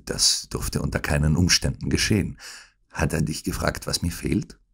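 A man voicing a gravely ill detective who whispers weakly but gives urgent, commanding orders. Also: extremely low pitch, fairly even intonation, moderate pace, heavily acted. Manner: weak, breathy, urgent orders. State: feverish and dying. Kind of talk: audiobook acting.

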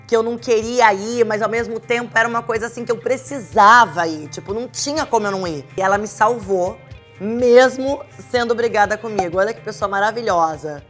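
This vlogger is a Brazilian woman in her thirties whose slightly high, fairly bright voice carries chatty stories about her friends. She talks casually to camera and performs the quoted dialogue.

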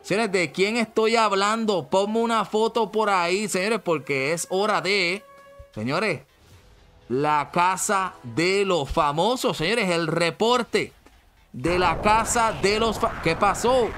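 Brief: high-voiced Puerto Rican male host, emphatic gossip commentary, faint music behind. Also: takes it slowly, fairly bright tone. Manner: emphatic, repeats "señores", bossing producer. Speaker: show host. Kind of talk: animated gossip show commentary.

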